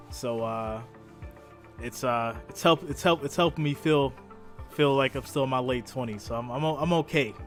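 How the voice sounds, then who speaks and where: A man in his thirties hosts a live reaction stream, chatting loosely and rambling, tripping over his words and circling back to repeat himself. His voice sits at an ordinary middle pitch, and soft music plays faintly behind him. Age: 30s. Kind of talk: casual live-stream chat with viewers.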